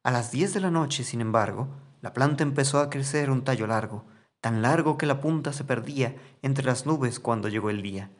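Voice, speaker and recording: A man narrating a rhymed comic story in a playful, expressive way. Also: mid-range voice, moderate pace.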